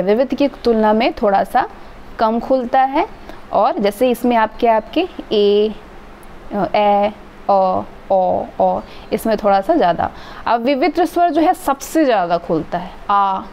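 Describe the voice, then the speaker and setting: A woman's voice: fairly high pitch, dark tone. A woman teaching an exam-prep grammar lesson, explaining step by step and drawing out sample sounds. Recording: dull lo-fi recording with faint noise.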